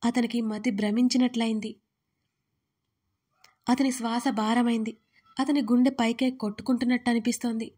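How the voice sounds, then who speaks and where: A woman with a fairly high voice reads a dramatic story aloud. Her delivery is expressive and measured, as a storytelling host. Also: breathy edge. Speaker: story narrator.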